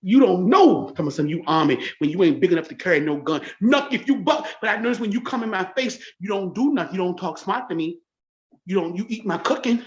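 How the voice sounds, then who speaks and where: A woman's voice: on the low side, animated, fast talker, a little mellow, highs cut off. A woman in her forties talking straight to camera in a confrontational rant, taunting and repeating herself. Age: 40s. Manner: taunting, repetitive, boastful. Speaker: church livestream host.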